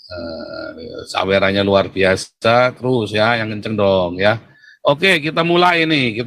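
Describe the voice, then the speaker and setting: A man's voice: lowish voice, fairly bright tone. A man who is a pastor, talking casually to his livestream audience. He keeps calling his listeners brothers and sisters, and his voice jumps up when he gets worked up.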